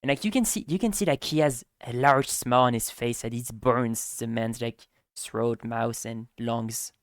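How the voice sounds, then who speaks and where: A man's voice: medium pitch, moderate pace, no echo, clean studio sound. A man playing in a tabletop game, chatting casually as he rambles through what his character does. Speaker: player.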